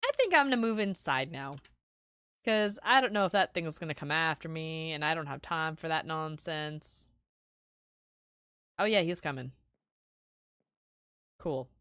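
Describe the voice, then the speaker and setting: A woman's voice: deep voice, animated, measured pace, long pauses, fairly bright tone, clean tone, no room sound, clean studio sound. A woman chatting casually and playfully while gaming on a livestream. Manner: playful, bantering. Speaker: livestream gamer.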